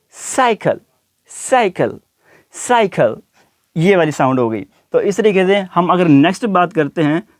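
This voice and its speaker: A man gives an English pronunciation lesson. His voice sits fairly high, and he moves slowly, saying each word again and again with plenty of fillers. The recording is dry, with no room sound. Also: darkish tone, no echo. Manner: slow, repeats each word several times, many fillers. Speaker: English teacher. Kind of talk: classroom lesson explaining pronunciation.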